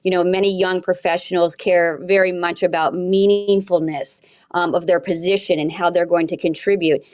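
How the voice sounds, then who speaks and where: Female panelist, slightly low pitch, dry sound, considered delivery. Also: darkish tone, no room sound. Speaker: guest panelist. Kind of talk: conversational interview answer.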